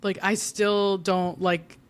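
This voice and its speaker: A bubbly woman guest on a casual podcast, rambling along with lots of fillers and little laughs. Her voice sits at an ordinary middle pitch. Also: level tone, slow. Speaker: podcast guest, marketing expert.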